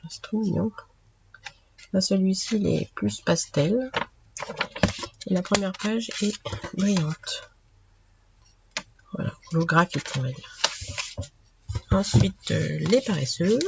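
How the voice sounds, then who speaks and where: A woman hosting a craft channel, showing her purchases in a relaxed, chatty way with many fillers. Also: fairly low pitch, slow pace, creaky, pauses often. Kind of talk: casual haul video. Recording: lo-fi with audible background noise.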